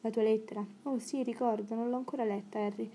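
An impulsive young English gentleman, read by a woman in an audiobook speaks earnestly and with feeling. The voice is dark and mellow and moves within a narrow pitch band. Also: fairly even intonation, fast, slight background noise, natural voice. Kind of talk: audiobook reading.

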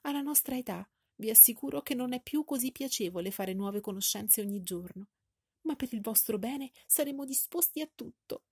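A woman's voice: on the high side, expressive, moderate pace, darkish tone, husky, no room sound, studio quality, pitched above the performer's own voice. A woman putting on a gushing, fretful mother. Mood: effusive. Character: fussy excitable middle-aged mother, nervous and gushing. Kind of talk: audiobook character voice.

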